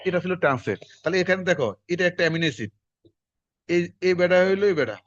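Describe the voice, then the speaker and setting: A man, teaching a class in quick, conversational lecture style and quizzing his students as he goes. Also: high voice, expressive, no room sound. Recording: dull lo-fi classroom recording.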